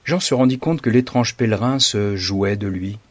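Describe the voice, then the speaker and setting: A man reading a story aloud in a dramatic, measured narration. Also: lowish voice, no room sound.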